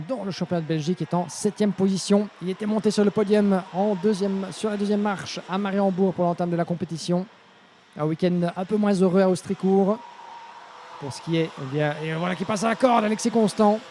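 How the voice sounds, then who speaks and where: High-voiced male motorsport commentator. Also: a little fast, slight background noise. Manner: excited when the action heats up. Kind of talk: live karting race commentary.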